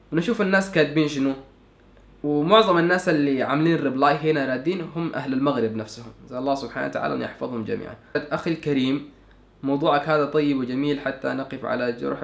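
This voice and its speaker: A man's voice: fairly high pitch, fairly bright tone, roomy sound. A young man with a Sudanese Arabic accent, chatting casually in a vlog and thinking aloud with lots of fillers. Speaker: YouTuber.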